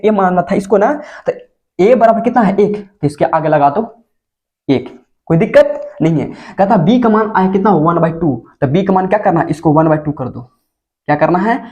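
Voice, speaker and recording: A man's voice: sits high, mellow. A male teacher, giving a chemistry lesson for board exam students. He keeps putting questions to the class and answering them himself. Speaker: school teacher.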